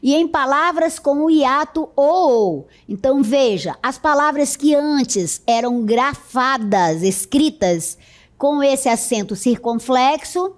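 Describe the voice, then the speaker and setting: A woman's high, expressive voice carries a recorded lesson in a Brazilian Portuguese accent. As a teacher, she is slow, patient and explanatory, and she checks in with her students often using "certo?".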